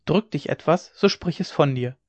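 A man reading the part of a caring wife who speaks softly and with concern. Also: fairly high pitch, animated, normal speed, dry recording, natural voice. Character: caring, worried young wife. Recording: dry, dull lo-fi recording.

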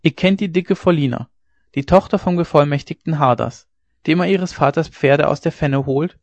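A man's voice: a little high, moderate pace, creaky, dry recording, highs cut off. A man voicing an earnest, plain-spoken young farmhand.

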